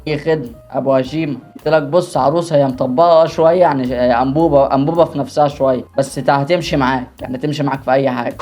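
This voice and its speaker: A man with an Egyptian accent rattles off reaction commentary at a breakneck clip, teasing whatever he watches. His pitch sits in an ordinary middle range. Faint music runs under him. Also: steady tone, rapid-fire, hardly any pauses, darkish tone. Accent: Egyptian Arabic. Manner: joking, teasing asides. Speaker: reaction video host.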